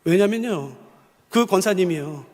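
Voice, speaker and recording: A man's voice: high voice, expressive, a little slow, darkish tone, long reverb tail, slight background noise. A man preaching a sermon as pastor, telling stories with passion and acting out the voices of the people in them. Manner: impassioned storytelling, acting out quoted voices.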